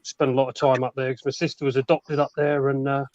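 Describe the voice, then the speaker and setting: A man's voice: mid-range voice, little pitch movement, quick pace, darkish tone, lo-fi sound. Chatty man, rambling on a call. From North East England. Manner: rambling with many fillers and restarts. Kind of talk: casual chat.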